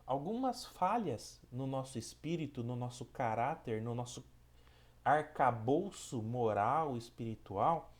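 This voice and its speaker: A man with a Brazilian Portuguese accent leads a spiritist study group at a measured, mid-pitched level. His delivery is calm and reflective, moving from a read passage into thoughtful teaching, and he often pauses to check in with his listeners. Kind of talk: reading a passage, then reflective teaching talk.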